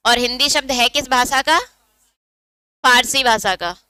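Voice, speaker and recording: A woman's voice: high voice, unhurried, pushed and bright, clean tone, dry recording. A woman teacher giving an exam-prep lesson, explaining step by step and asking her students questions that she answers herself.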